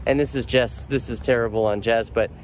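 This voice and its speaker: A man's voice: mid-range voice, fairly even intonation, brisk, a little hiss or hum. A man in his forties vlogging outdoors beside his motorcycle, telling the day's story in a wry, matter-of-fact way to a camera held at arm's length. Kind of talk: casual travel vlog. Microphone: phone or action camera at arm's length.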